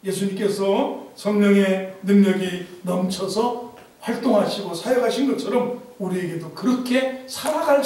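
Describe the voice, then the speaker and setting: A male pastor from Chungcheong preaching a lively, humorous sermon to his congregation. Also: high voice, slight background noise. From Chungcheong, Korea. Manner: animated preaching with humor and mimicked dialect. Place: church sanctuary. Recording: echoey church hall from a distance.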